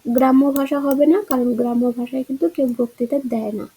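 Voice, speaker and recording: Female teacher, high pitch, soft dark timbre, explains answers step by step. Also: little pitch movement, fast talker, breathy edge, poor audio. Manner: explains answer choices, asks rhetorical checks. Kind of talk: exam-prep grammar lesson.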